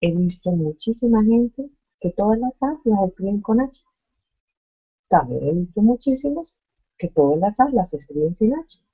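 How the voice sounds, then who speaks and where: Woman, online grammar lesson, slow deliberate explaining, breathy voice, dull lo-fi sound. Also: mid-range voice, animated. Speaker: Spanish teacher.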